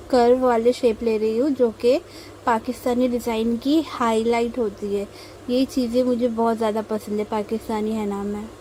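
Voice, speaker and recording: Slow-spoken young Indian woman teaching. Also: fairly high pitch, warm tone, a little hiss or hum, rough recording. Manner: slow, patient explaining with frequent pauses. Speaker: mehndi tutorial host. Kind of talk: instructional voice-over while drawing.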